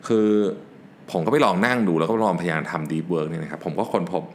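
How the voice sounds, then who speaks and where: A man hosting a solo business talk, relaxed and explanatory, dropping English work terms into his speech. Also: low voice, a little fast, slight background noise. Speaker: podcast host and business owner.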